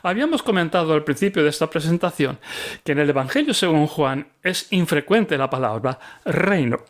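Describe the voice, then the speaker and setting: A man who teaches the Bible, reading his book aloud with commentary, expressive and with occasional slips. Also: on the high side, a little fast.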